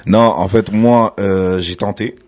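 Man, low voice, radio guest, relaxed, repeats himself. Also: takes it slowly. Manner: relaxed, repeating and restarting phrases. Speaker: radio show guest, sports mentor. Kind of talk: radio interview.

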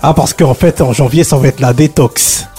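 A man's voice: mid-range voice, normal speed, warm tone, soft background music. A man talking casually as a contributor to a radio show. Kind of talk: casual studio chat.

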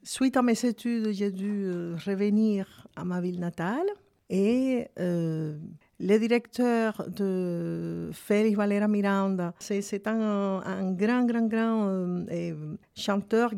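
A woman from Cuba, a singer and actress giving a radio interview and speaking hesitantly with many filler pauses. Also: mid-range voice, creaky, dark tone.

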